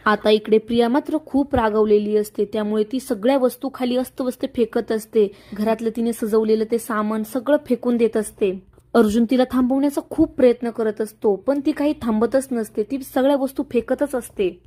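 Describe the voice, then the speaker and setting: A woman with a high voice narrates the twists of a television serial, moving steadily through the scene. Her retelling is lively and even, in plain storytelling. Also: a little fast.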